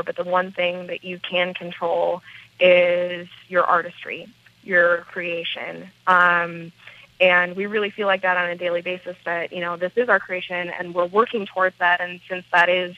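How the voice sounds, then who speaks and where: An American woman with a smoky, raspy voice, talking casually and candidly as an interview guest, with hesitant phrasing. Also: lowish voice, no room sound, dull audio. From small town in central Wisconsin, United States. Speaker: rock band lead singer, interview guest.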